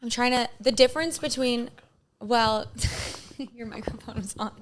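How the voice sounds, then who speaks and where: A woman, a guest actress chatting on a podcast in an animated, self-deprecating way. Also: a little high, unhurried. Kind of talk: casual podcast chat.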